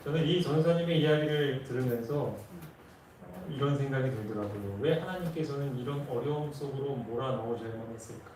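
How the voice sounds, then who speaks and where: A man's voice: mid-range voice, fairly quick, darkish tone, a little hiss or hum. A man preaching a sermon, telling a story earnestly and rising with emotion at key moments. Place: church sanctuary. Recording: echoey church from far off.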